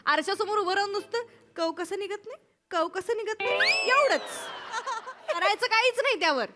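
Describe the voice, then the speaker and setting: A woman's voice: extremely high pitch, big pitch swings, normal speed, loud music behind the voice. A woman acting a sly, mocking young daughter-in-law in a stage comedy sketch. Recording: echoing hall, loud background noise.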